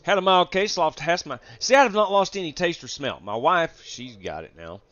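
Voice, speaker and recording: A man's voice: a little high, big pitch swings, normal speed, a bit bright, no echo. A man hosting a live sim racing stream, chatting casually with viewers while sick and feeling drained. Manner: chatty, greets viewers from chat, rambling with fillers. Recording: dull, lo-fi dry stream audio.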